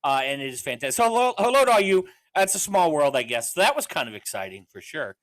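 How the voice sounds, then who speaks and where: A man's voice: on the high side, very animated, quick pace, fairly bright tone, no echo, poor audio. A man hosting a podcast in casual chat; he rambles on and laughs often. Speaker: podcast host.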